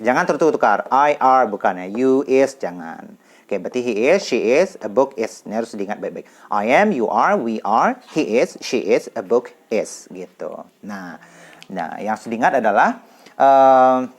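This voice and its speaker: Lively man teaching English. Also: mid-range voice. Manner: lively, repeats example sentences slowly and clearly. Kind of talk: casual classroom explanation.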